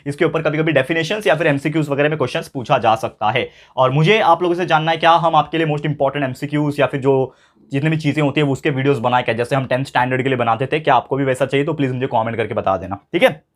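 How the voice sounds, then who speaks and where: A young man teaching a science lesson online, mixing English terms into his talk, asking rhetorical questions and repeating key terms slowly. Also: mid-range voice. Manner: mixes English phrases into Hindi. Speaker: science tutor.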